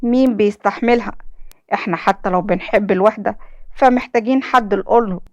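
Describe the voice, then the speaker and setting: A woman's voice: mid-range voice, a little fast, darkish tone, dry recording, dull audio. A young woman with an Egyptian accent narrating a dramatic first-person story in an emotional, heartfelt way. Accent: Egyptian Arabic.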